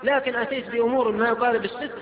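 A man's voice: very high voice, fairly even intonation, rapid-fire. A man preaching to an audience, reading out questions and answering firmly in numbered points. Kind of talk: religious lecture Q&A. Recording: tinny, echoey hall recording with crowd.

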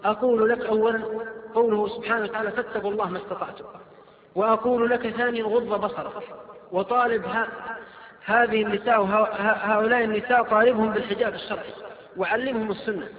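In a religious lecture Q&A, a man with a high, steady voice preaches quickly to an audience, reading questions aloud and answering firmly in numbered points. The hall recording is tinny and echoey, with a crowd present.

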